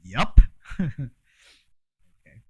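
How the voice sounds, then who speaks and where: A man who grew up in Mexico, talking in a rambling, frank casual monologue with frequent fillers and the odd curse. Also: very slow. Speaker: host.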